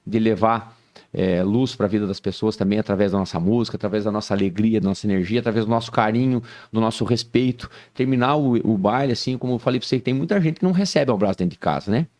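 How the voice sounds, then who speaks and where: A man's voice: lowish voice, fast talker, a little mellow. A man, a band musician speaking as a podcast guest in an earnest way, often adding tag questions. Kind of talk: casual podcast talk.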